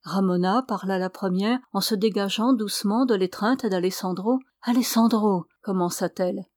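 A woman's voice: mid-range voice, moderate pace, darkish tone, dry recording. Woman narrating a novel, dry close sound. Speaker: audiobook reader. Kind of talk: reading a novel aloud.

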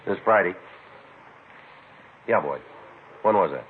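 An actor playing a male police detective who narrates in a clipped, flat, matter-of-fact way. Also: low voice, takes it slowly, noisy background. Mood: terse. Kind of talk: 1950s radio police drama narration. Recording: tinny old radio broadcast with faint music.

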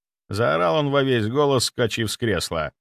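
A man's voice: very animated, moderate pace, vocal fry, no echo, studio quality. A man voicing a cowardly middle-aged chief doctor who shrieks and whimpers in panic. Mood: panicked. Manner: shrill, whimpering.

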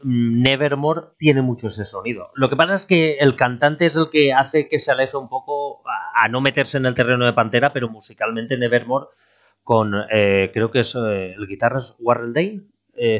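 A man's voice: mid-range voice, normal speed. Man hosting, muffled sound. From Spain. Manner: relaxed, conversational, lists band details with self-corrections. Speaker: podcast host. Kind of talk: casual chat.

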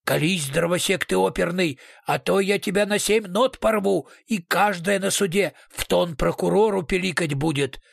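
A sly, brutal police investigator in an audiobook, mock-polite one moment and snarling the next, as a male narrator voices him. The voice sits a little high and sounds close and dry. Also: normal speed, creaky, hardly any pauses, no echo, full character voice. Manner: swings between sugary politeness and snarling.

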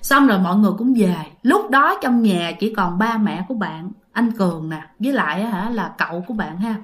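A woman's voice: mid-range voice, lively intonation, brisk. A woman telling a ghost story in a chatty way, often turning to her listeners with fillers. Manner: chatty, addresses listeners directly, many fillers.

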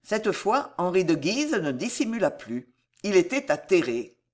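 A woman narrating an audiobook with expressive storytelling. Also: fairly low pitch, a little slow.

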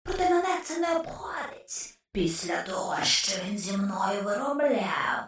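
A woman's voice: medium pitch, big pitch swings, measured pace, reverberant, distant mic. A woman voicing a mocking male ghost trapped in a skull, in a whispered role-play full of sarcasm. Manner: sneering, sarcastic.

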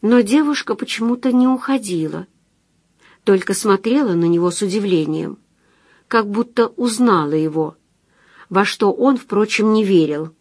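Woman reading an audiobook, calm and even, dry close mic. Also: medium pitch, normal speed, no echo. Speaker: audiobook narrator. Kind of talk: scripted literary narration.

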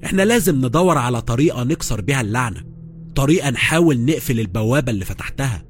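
A man's voice: mid-range voice, expressive, rapid-fire, faint music behind, lightly acted. A man voicing a tense, anxious male scholar of magic, with an Egyptian accent. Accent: Egyptian Arabic.

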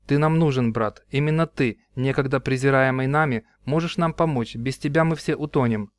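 A man's voice: medium pitch, normal speed, dry recording, lightly acted. A man voicing an earnest brother who tries to talk another into saving them, speaking while out of breath. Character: calm reasoning man, leader brother.

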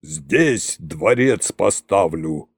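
A man voicing an old immortal sorcerer king who speaks slowly and domineeringly. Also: animated, slightly rough, no room sound, studio quality, heavily acted. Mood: commanding. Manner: slow, low, domineering.

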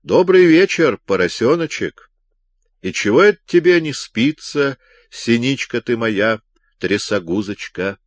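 A man voicing an exuberant young male scientist who teases and talks loudly in an audiobook reading. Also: medium pitch, sing-song, unhurried, no echo, pitched above the performer's own voice. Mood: mocking. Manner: giddy, teasing, loud.

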